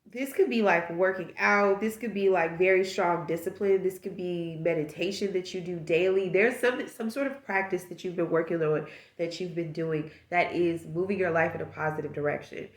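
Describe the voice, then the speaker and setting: In an echoey room, a stuffy-nosed woman reads tarot casually, thinking out loud and wandering through possible meanings. She speaks at a moderate pace with few pauses, her voice on the low side.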